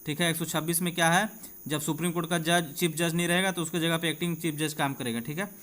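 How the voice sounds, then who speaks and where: A man with a Bihari accent leads an informal exam-prep lesson, reading out quiz questions and explaining the answers. His voice is a little high and fairly bright. He keeps it conversational, addressing his students directly and checking in with them again and again.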